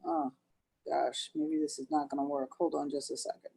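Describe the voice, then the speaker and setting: A woman's voice: deep voice, sing-song, normal speed, creaky, mellow, slightly rough. A woman doctor giving an educational webinar talk, explaining step by step and often saying "actually".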